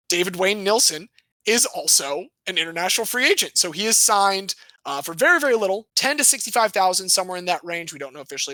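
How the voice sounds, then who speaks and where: Playful bright-voiced male podcast host. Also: high voice, dry recording, low-quality recording. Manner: playful, animated storyteller with jokey asides. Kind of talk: casual sports history storytelling.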